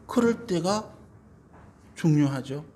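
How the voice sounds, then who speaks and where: A man's voice: fairly high pitch, animated, slow pace, darkish tone. A man preaching a sermon as pastor, acting out quoted family members in his own voice. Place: church sanctuary.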